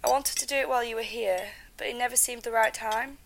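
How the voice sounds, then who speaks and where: British female, acting, affectionate eager young-family mum for audio drama; fairly high with vocal fry. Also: steady tone, fast, a bit bright, slight background noise. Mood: hopeful, coaxing. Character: affectionate, eager wife and mother calling from home.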